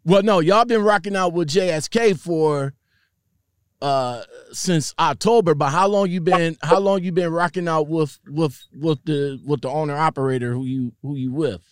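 Higher-pitched man, halting and slangy, very dry sound. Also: clear, resonant tone, no room sound. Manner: halting, repeats phrases over and over. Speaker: interviewer. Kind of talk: casual slangy chat.

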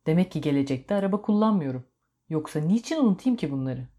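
A woman's voice: sits low, animated, fast talker, mellow. A woman voicing a puzzled young man asking baffled, wondering questions.

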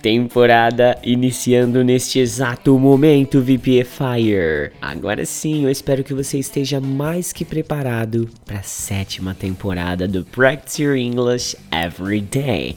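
A hoarse man from Brazil teaching English, drilling phrases with energetic, quick patter. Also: mid-range voice, soft background music. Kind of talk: language lesson drills.

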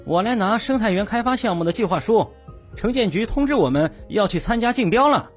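An actor voicing a smug relative in an audiobook, sneering and mocking, with a lively, swooping pitch. Faint music runs underneath. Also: male voice, normal speed.

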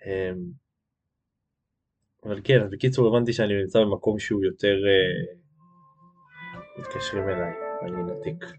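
A young man with a lowish voice hosting a casual live stream. He rambles loosely, restarts his sentences and fills the pauses as he reacts to comments from viewers. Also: fairly even intonation, darkish tone, faint music behind.

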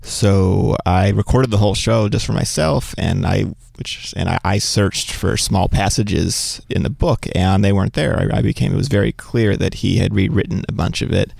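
A man co-hosting a podcast in casual chat, relaxed and agreeable, telling anecdotes. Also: low voice, moderate pace, gravelly, hardly any pauses, no echo, clean studio sound. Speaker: podcast co-host.

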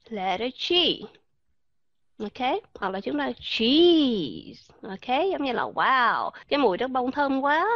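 A woman runs a pronunciation lesson in a fairly high voice, modelling each vowel and putting questions to her listeners. The recording is dry and close, with a slightly dull, muffled sound. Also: no echo. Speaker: English pronunciation teacher.

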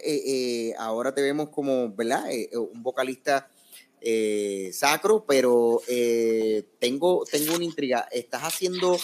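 A man interviewing a guest, asking questions with many fillers and restarts. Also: medium pitch. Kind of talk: casual interview.

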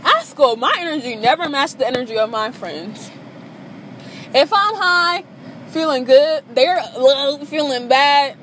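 Teen girl, rambling vlog chat, giggly, fairly high voice, phone mic in a parked car, faint traffic outside. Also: animated, measured pace, fairly bright tone, low-quality recording. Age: teens. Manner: chatty, giggly, self-deprecating, lots of fillers. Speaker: vlogger. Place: parked car in a public lot.

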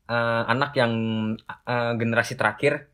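A man's voice: mid-range voice, fairly even intonation, normal speed, bright, forceful tone. A man in his twenties with a Jakarta accent hosts a casual podcast, bantering in coarse Jakarta slang and repeating words. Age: 20s. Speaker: podcast host.

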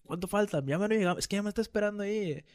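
A man's voice: high voice, rapid-fire, darkish tone, dry recording, clean studio sound, voice pushed up, natural voice. A man voicing a pushy, whiny young woman with a northern Mexican accent from Monterrey, mimicking her in a story. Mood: impatient. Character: young woman, posh and impatient.

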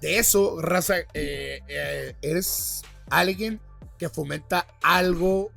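A man's voice: fairly high pitch, slow, vocal fry, sharp tone, faint music behind. A man hosting a podcast, chatting casually with slang and praising his guest. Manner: slangy, admiring interviewer. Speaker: podcast host.

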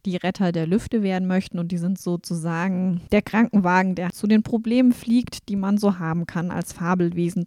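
A woman in casual chat, retelling a rhymed children's book with lively, animated storytelling. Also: on the low side, dry recording, clean studio sound. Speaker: book reviewer.

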